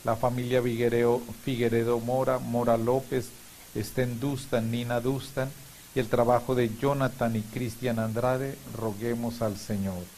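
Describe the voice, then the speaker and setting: Male priest, 50s, mid-range voice, measured and solemn homily and prayer delivery, hissy recording. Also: medium pitch, little pitch movement, a little mellow, poor audio. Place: small indoor chapel room. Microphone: lapel mic. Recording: clear background hiss.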